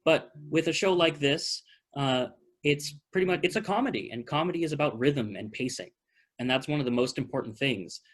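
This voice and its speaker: This man's voice runs on the high side and his delivery is brisk. Hosting a post-show theater talkback by video call, he takes questions in a casual, conversational way, thinking aloud.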